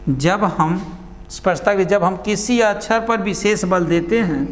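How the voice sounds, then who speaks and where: A male teacher giving a classroom lesson, dictating notes and repeating each phrase slowly for students to write down. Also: high voice, big-room sound.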